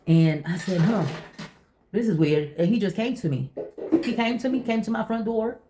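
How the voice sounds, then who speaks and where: With a somewhat high, animated voice over music, a vlogger chats a little fast while telling personal stories. She leans on emphasis, repeating phrases to make her point, in a room with noticeable echo.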